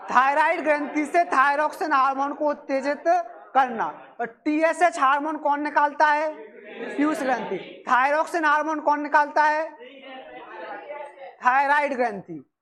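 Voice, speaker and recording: A woman lectures a room of students. She fires off quick questions, answers them herself and repeats each key term until it sticks. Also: high voice, fairly bright tone. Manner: repeats key terms, brisk and chatty with students. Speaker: coaching-class teacher. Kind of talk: classroom lecture for exam prep. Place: classroom with students.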